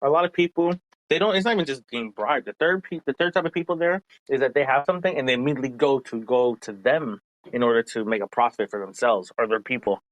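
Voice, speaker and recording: Brief: easygoing podcast man, middle pitch, relaxed anecdotes. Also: fast talker, dry recording, poor audio. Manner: laid-back, relaxed storytelling with fillers. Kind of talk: casual podcast chat.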